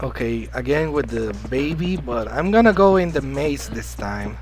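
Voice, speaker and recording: A man's voice: medium pitch, animated, normal speed, darkish tone, faint music behind, low-quality recording. A man live-streaming a video game, rambling casually, chatting with his viewers and coughing now and then because he has been sick. Spanish is his first language. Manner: chatty, rambling, greets and answers chat.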